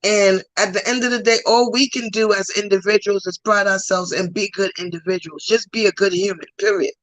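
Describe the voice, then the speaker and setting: On a dry, low-quality podcast recording, a woman comedian speaks a little fast in a steady, medium-pitched voice. Her thick Trinidadian accent carries a hint of New York, and she's blunt and emphatic, hammering points home by repeating them.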